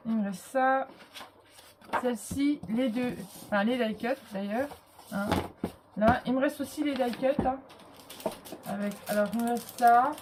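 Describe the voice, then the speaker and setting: Slow, halting woman with a cold. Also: on the high side, darkish tone, a little hiss or hum. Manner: hesitant, full of fillers and little "hop" interjections. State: has a cold. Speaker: crafter presenting a handmade album. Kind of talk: casual show-and-tell craft presentation.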